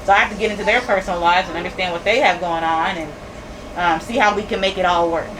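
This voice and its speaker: With a fairly low, steady voice, a woman in her thirties talks fast as the guest in a casual interview about her store. Background noise is present, and she speaks candidly, repeating phrases and laughing often.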